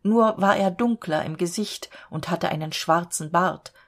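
A woman storyteller reading a fairy tale aloud in a calm, measured way. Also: lowish voice.

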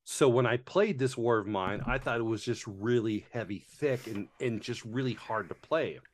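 A man's voice: medium pitch, normal speed, slight background noise. A man casually chatting about board games, rambling with lots of fillers and restarts and casual swearing. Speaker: board game reviewer. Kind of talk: casual chat.

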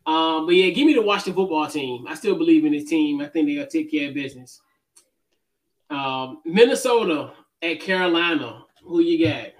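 Guy with a high voice hosting a sports podcast, laid back, lots of ums. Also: moderate pace. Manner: easygoing, loose, many fillers and restarts. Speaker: podcast host. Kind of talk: casual sports picks chat.

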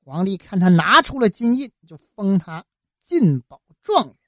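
Lively woman telling a folk tale. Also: medium pitch, normal speed, dry recording. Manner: lively, colloquial, full of interjections and sound effects. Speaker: storyteller.

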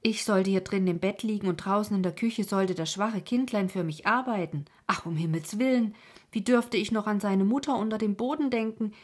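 A woman's voice: mid-range voice, normal speed, a little mellow, slightly rough. A woman voicing a frail, agitated old sick man who pleads anxiously in a storybook reading.

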